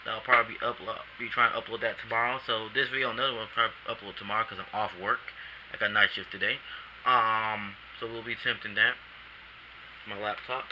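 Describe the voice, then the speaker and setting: Reviewing an action figure from home, a man speaks briskly in a fairly low voice with mostly even intonation. Still a bit drowsy from a nap, he rambles, self-corrects and uses casual slang, captured by a camcorder with background noise.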